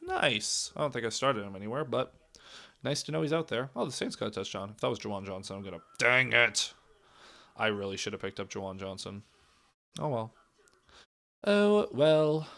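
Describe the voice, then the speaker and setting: Casual live play-by-play comes from a hoarse young man whose raspy voice cracks; he reacts to the game with lively intonation at a moderate pace, going from loud calls to low mutters.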